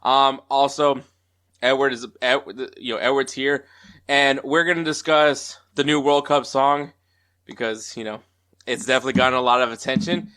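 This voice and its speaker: A man's voice: medium pitch, fairly even intonation, moderate pace, sharp tone, smooth. Chatty upbeat man hosting a podcast. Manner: upbeat and chatty, with frequent fillers and restarts. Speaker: podcast host. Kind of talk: casual podcast intro and interview.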